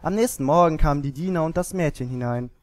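Male narrator for a fairy tale; expressive storybook read, a touch high, dry and close. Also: quick pace, no room sound.

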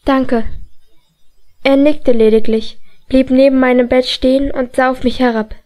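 A woman narrating a novel in the first person as an audiobook reader, calm and measured. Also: high voice.

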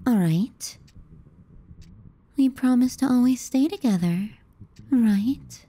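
Woman acting Ashley, a slow, soft, teasing little sister. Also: on the high side, expressive, heavily acted. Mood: concerned, insistent. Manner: soft, breathy, often dropping to a whisper. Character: teasing, possessive, sardonic younger sister, young woman. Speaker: ASMR roleplay voice actor. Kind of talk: intimate ASMR roleplay acting.

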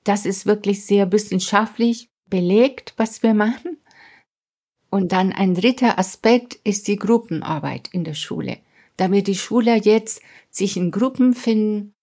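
A woman's voice: medium pitch, darkish tone. A woman scientist, a podcast guest, explains her school project earnestly, with small grammar slips and emphatic asides. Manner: non-native grammar slips in German. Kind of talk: explaining in an interview.

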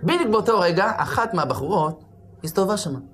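A man preaching as a rabbi, telling a story with acted-out shouts and sudden loud bursts. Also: high voice, lively intonation, a crowd in the background. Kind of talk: animated storytelling sermon.

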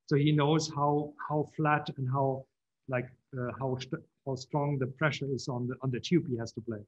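A man giving a conference keynote on video call, halting and full of fillers and restarts. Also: medium pitch, fairly even intonation, dull audio, slight background noise. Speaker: keynote speaker, composer.

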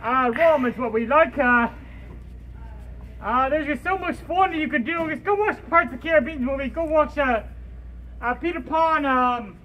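A woman's voice: sits high, moderate pace, a bit bright, slight background noise, poor audio. A woman vlogging in a pirate fursuit costume inside a drugstore, chatting playfully with lots of filler sounds and pirate interjections. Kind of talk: playful pirate-themed vlog chat.

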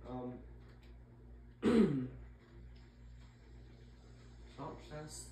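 A young man talks through a video game at a slow, unhurried pace, hesitant and self-mocking. He sits well back from the mic in a very echoey room. A steady noise runs under his voice. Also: medium pitch, far from the mic. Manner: unsure, self-mocking, halting with restarts. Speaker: gamer. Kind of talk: casual let's-play commentary.

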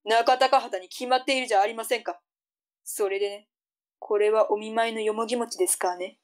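A woman's voice: on the high side, fairly even intonation, brisk, natural voice. A woman playing a strict, bossy mother in a tongue-twister audio drama. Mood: instructing.

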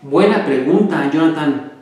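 Guy giving herbal health tips, chatty and jokey, voice kinda high, sounds far from the mic in a really echoey room. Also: lively intonation, a little slow, a little mellow. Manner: chatty, joking, answers viewer questions. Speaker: natural health presenter. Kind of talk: casual advice talk.

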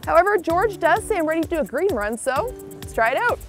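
Young woman tv host, upbeat scripted read, really animated pitch, music behind. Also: fast talker. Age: young adult. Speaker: TV host and reporter. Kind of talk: scripted, upbeat presenting and narration.

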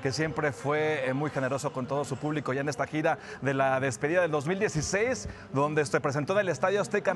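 A young man with a Mexican accent presenting news from a studio in a smooth, measured anchor delivery. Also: a little high.

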